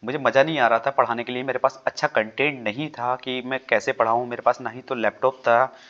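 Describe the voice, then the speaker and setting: A man at mid pitch talks through exam questions on English literature, going over each answer option and checking his viewers are following. The recording sounds dull and lo-fi, like a basic home setup with a drawing tablet on screen. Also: fairly even intonation, brisk. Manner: explains with worked examples, often checks in with "theek hai". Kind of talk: exam-prep lesson on a YouTube channel.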